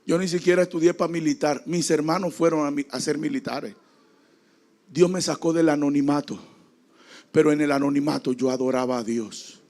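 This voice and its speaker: A man preaching a dramatic sermon as a pastor, acting out the voices in the story and rising now and then to a shout. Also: a little high, fairly even intonation, normal speed. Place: church.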